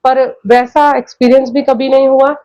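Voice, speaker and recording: A woman with a high voice tells a personal story to an interviewer. She rambles through asides in a chatty, animated way. The sound is dull and lo-fi. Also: normal speed. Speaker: guest sharing a personal experience. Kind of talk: conversational storytelling.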